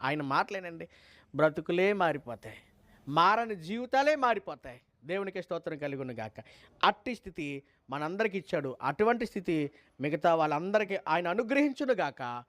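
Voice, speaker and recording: Male preacher, high voice, fervent, quizzes the crowd with rhetorical questions, repeats himself for emphasis. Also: animated, moderate pace, fairly bright tone. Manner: fervent, swings between high and low pitch. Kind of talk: sermon and closing prayer.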